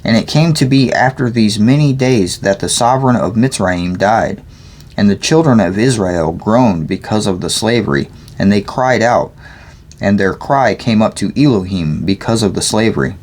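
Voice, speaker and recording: A man's voice: on the low side, expressive, moderate pace, darkish tone. Sleepy man casually reading scripture. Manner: reads aloud, stumbles over names, adds joking asides. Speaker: Bible reader.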